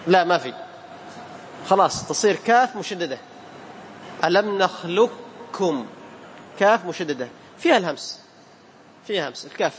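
A man teaching Quran recitation in a classroom, patiently quizzing students and chanting verses slowly. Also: sits high, very animated. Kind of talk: classroom tajweed lesson. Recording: hall reverb, faint room noise.

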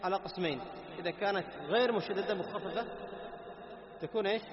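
A man lectures a class on recitation at a quick clip in a fairly high voice. He keeps asking questions and answering them himself, repeating key phrases. The sound is dull and lo-fi, with a long echo and noise behind him. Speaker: Quran recitation teacher. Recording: echoey hall with dull lo-fi sound and background noise.

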